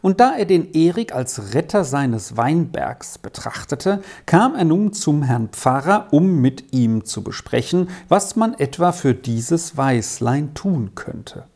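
A narrator reading a classic children's story aloud in a calm, even storytelling manner. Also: mid-range voice, slow pace, hardly any pauses.

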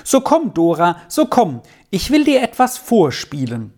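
A reader voicing an eager, excitable young girl in a storybook reading, in a raised, bright register. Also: medium pitch, unhurried, vocal fry, voice pushed up. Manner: eager, pleading.

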